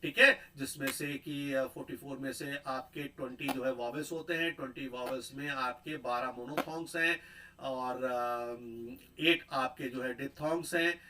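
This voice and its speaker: A man giving a pronunciation lecture, repeating sounds and words slowly and often checking in with a tag question. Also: medium pitch, fairly even intonation, pushed and bright, a little hiss or hum, poor audio.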